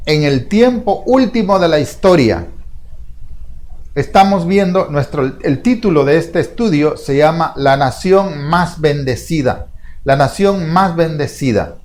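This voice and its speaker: Male pastor, middle-aged, slightly high voice, slow measured sermon delivery with rhetorical questions. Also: darkish tone. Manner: slow, deliberate preaching with repeated phrases and rhetorical questions.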